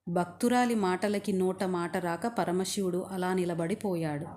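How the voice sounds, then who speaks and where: Calm woman telling a devotional story. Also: lowish voice, measured pace.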